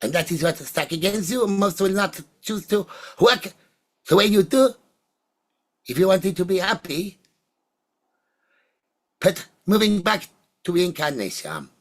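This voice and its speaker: A husky, mid-pitched voice of ambiguous sex plays a seance medium channelling spirits, expressive in tone. Answers come in trance, halting and deliberate, breaking into short oracular fragments.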